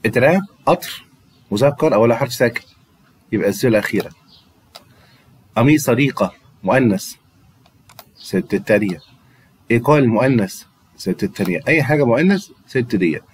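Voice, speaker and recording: Egyptian man, husky voice, french teacher, patient explanations, repeats each word. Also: mid-range voice, lively intonation, fairly quick, pauses often. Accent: Egyptian Arabic. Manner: explains patiently, drills words by repeating them. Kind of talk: classroom-style grammar lesson.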